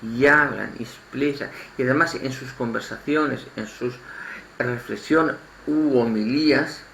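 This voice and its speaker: A man from Spain with a Spanish accent giving an informal spoken sermon, halting and restarting his phrases and repeating words as he goes. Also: medium pitch, gravelly, fairly bright tone, a little hiss or hum. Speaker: lay preacher. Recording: echoey room, faint ambience.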